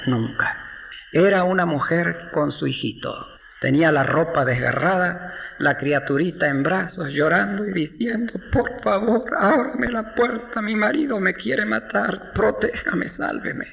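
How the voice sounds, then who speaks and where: A male pastor telling a sermon story with a high, very gravelly voice. He slows down for emphasis and acts out the people he quotes. The recording sounds dull and lo-fi, with faint noise underneath.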